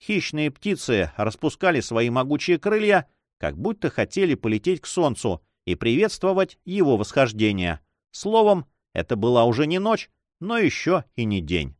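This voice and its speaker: A man narrating an adventure audiobook with animated storytelling. His pitch rises and falls a great deal, and the recording is close and dry with no room sound. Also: normal speed, no room sound. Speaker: audiobook reader.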